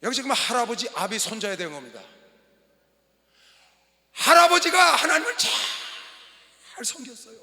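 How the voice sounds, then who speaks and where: A man preaches a sermon to a packed arena, swinging between quiet asides and impassioned shouts. His voice sits very high and sounds bright and forceful. The hall carries a long, lingering reverb. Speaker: pastor. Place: large sports arena.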